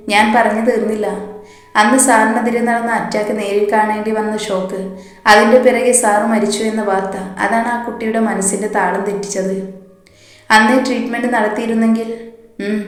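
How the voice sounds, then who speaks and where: A woman voicing a gentle coaxing doctor. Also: a little high, little pitch movement, normal speed, close to an everyday voice. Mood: reassuring. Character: calm coaxing male doctor, middle-aged. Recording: very echoey room.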